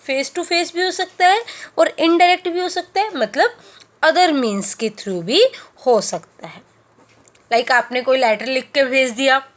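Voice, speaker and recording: A woman teaching a class, who explains by asking and answering her own questions and slows down on key terms. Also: high voice. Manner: mixes in English terms, slows down on key phrases. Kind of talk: classroom lecture.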